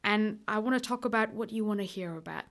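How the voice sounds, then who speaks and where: Speaking fast at a medium pitch, a young woman hosts a podcast from Melbourne, introducing the episode in an earnest, chatty manner. Her slightly bright voice has vocal fry, and she uses small fillers and restarts.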